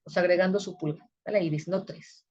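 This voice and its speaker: A woman's voice: lowish voice, fairly even intonation, fast, a little mellow, highs cut off. A woman, teaching a recorded video lecture in a conversational way that often checks her listeners are following. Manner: conversational, frequent checking tags.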